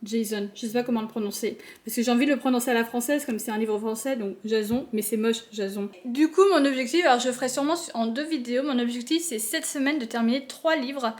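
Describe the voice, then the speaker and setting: Young woman rambling about her books, fairly high voice, lots of um and restarts. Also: fast talker, few pauses. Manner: chatty, many fillers and restarts. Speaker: book vlogger. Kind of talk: casual reading vlog.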